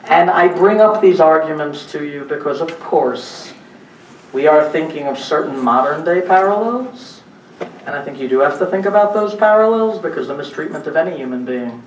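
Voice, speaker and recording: A man's voice: a little high, animated, normal speed, recorded from a distance. Emphatic man lecturing in an echoey room. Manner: emphatic, asks the audience rhetorical questions. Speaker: lecturer at a public symposium. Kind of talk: public lecture. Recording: echoey room recorded from afar, faint noise.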